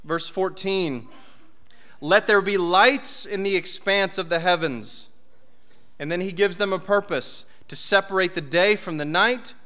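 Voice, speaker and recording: Bright-voiced man preaching a sermon. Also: high-pitched, a little slow. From United States. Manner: conversational, lively preaching with asides and rhetorical questions. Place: church hall. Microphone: podium mic.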